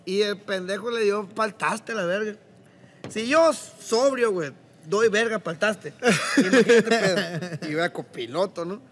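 A man's voice: sits high, moderate pace, slight background noise. A young man, telling a rambling, profane story in casual podcast chat. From Mexico. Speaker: podcast guest.

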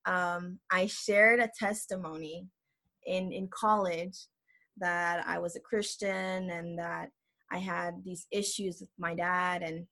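A woman's voice: fairly low pitch, fairly even intonation, slow pace, bright, forceful tone. A woman in her twenties from El Salvador, sharing her personal story as a guest, earnest and full of "um" and "like". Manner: earnest, frequent fillers like "um" and "like". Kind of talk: casual personal testimony.

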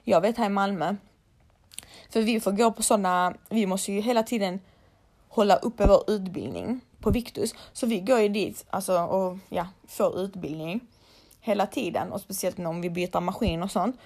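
Young woman, casual vlog chat, blunt, outspoken, gravelly fry. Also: mid-range voice, a little mellow. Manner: blunt, outspoken, swears freely. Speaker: laser hair removal technician.

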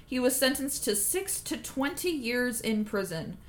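A woman with a somewhat high voice hosts a casual true crime podcast. She tells the story with lively energy, swearing and laughing along the way. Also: a little slow.

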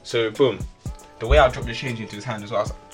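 A man with an urban London street accent, telling stories in animated, slangy banter as a podcast co-host. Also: mid-range voice, fast talker, music in the background. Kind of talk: casual storytelling banter.

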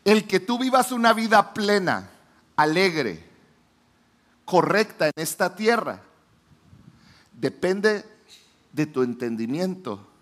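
Preaching as a pastor, a Mexican man in his forties tells his stories with drama, his voice rising to loud proclamations and dropping to quiet murmurs.

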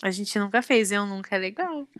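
A woman's voice: mid-range voice, lively intonation, moderate pace, no room sound, clean studio sound. A young woman co-hosting a podcast, chatting casually, laughing often and using slang. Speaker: podcast co-host. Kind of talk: casual chat.

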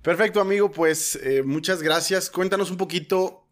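A man's voice: high voice, moderate pace. A man hosting a podcast interview in a casual, upbeat, joking way. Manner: upbeat, jokey, welcoming. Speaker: podcast host.

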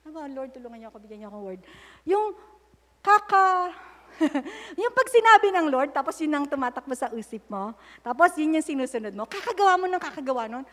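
This is a brisk, very animated sermon from a middle-aged woman whose voice sits high and a bit bright. Switching between English and Tagalog, she shares candid stories from her life and interrupts herself to pray aloud, all in a long hall reverb.

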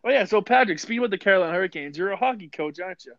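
A man's voice: high voice, animated, rapid-fire, fairly bright tone, no room sound. A man hosting a casual podcast interview, asking questions and laughing often. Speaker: podcast host. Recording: dull lo-fi audio, dry.

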